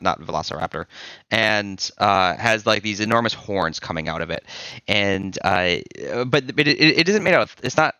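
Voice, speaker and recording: Deep crisp-voiced man running a game. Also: pushed and bright, dry recording. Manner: halting, many fillers and restarts. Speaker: game master. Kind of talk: narrating a tabletop game.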